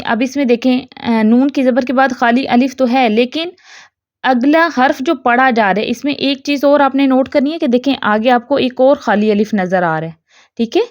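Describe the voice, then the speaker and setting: A woman teaching Quran pronunciation rules, explaining step by step and checking in with her students. She draws out the example words slowly when she recites them. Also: sits high, no echo, muffled recording. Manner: explains step by step, keeps checking with "theek hai". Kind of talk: online tajweed lesson.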